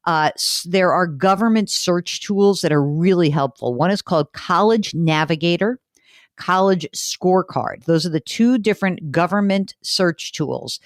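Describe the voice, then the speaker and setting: Clean studio sound with no echo carries a woman's voice on the low side. She's a money show host leading a personal finance program, speaking chattily and emphatically in conversational radio podcast fashion.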